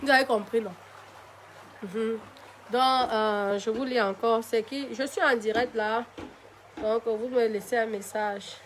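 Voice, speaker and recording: A woman's voice: a little high, steady tone, unhurried, a little hiss or hum. A woman with a Cameroonian French accent talking live to her viewers, defiant and tired, her voice still recovering. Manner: defiant, addresses viewers directly with pet names. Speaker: live-stream host. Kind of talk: casual live-stream monologue.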